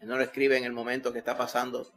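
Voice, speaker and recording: A male pastor with a Puerto Rican accent preaching a Sunday sermon, rising to loud emphasis when quoting scripture. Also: medium pitch, monotone, very fast. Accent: Puerto Rican Spanish.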